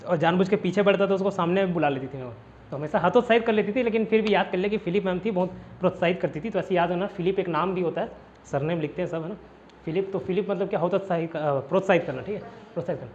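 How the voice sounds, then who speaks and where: A man's voice: high-pitched, racing, darkish tone, highs cut off, slight background noise. A man from India teaching a casual vocabulary lesson in a classroom, explaining each word with repeated rhetorical questions.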